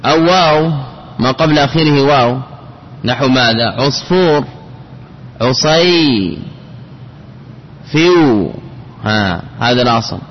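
Man slowly drilling grammar patterns, echoing hall. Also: medium pitch, expressive. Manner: repeats words slowly, spelling out patterns syllable by syllable. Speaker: teacher of Arabic grammar. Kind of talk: classical Arabic grammar lesson. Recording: dull lo-fi recording with long reverb and faint noise.

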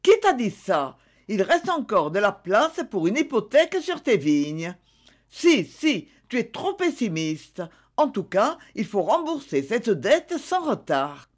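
A theatrical, coaxing wife from an old French novel, voiced by a woman reader. She argues her case in lively swoops of pitch at an unhurried pace. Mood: commanding. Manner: theatrical, pleading then commanding. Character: extravagant wife, self-justifying and coaxing.

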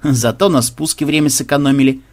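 A man's voice: mid-range voice, fairly even intonation, a little fast, natural voice. A man doing a wry male game tester. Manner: wry, dry.

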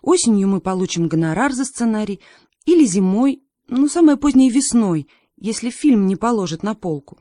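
A woman's voice: mid-range voice, animated, moderate pace, mellow, no echo, studio quality, close to an everyday voice. A woman voicing an eager, nervous father in a read-aloud story, talking persuasively.

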